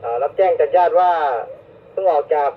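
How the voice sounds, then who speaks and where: A man's voice: a little high, brisk. A man on a rescue unit, speaking over a walkie-talkie and reporting in clipped, formal radio codes and numbers. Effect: heard over a walkie-talkie radio. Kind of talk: radio dispatch call. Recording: tinny two-way radio with faint hiss.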